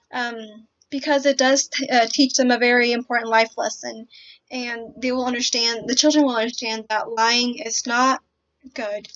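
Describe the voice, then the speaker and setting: A woman giving a picture book summary in a hesitant, halting way, often pausing mid-sentence. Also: a little high, fairly bright tone. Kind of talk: semi-scripted picture book summary presentation. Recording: dull, lo-fi audio.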